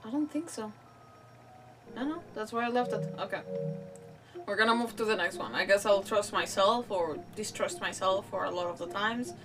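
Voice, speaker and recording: Speaking at a moderate pace in a mid-range voice, this woman streams a game and talks casually about it in a rambling, self-mocking style. Faint music plays behind her, and the mic is a bit far off.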